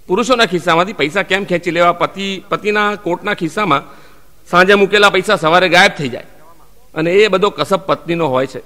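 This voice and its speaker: A man telling a string of jokes as a stand-up comedian, acting out the people in them with quick voice shifts. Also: high-pitched, bright, forceful tone, big-room sound. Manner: acts out the characters in his jokes with quick voice shifts. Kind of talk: Gujarati joke telling.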